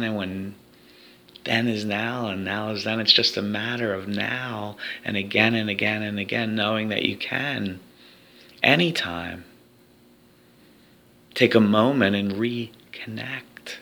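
A man's voice: fairly low pitch, gravelly, pushed and bright. A man leading a guided hypnosis recording for athletes, speaking in a soothing, repetitive hypnotic way.

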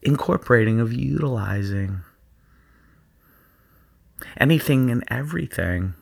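A man coaching student athletes through a guided visualization recording, speaking in a slow, soothing, hypnotic cadence full of repetition. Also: mid-range voice, lively intonation, vocal fry, husky. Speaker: sports performance coach.

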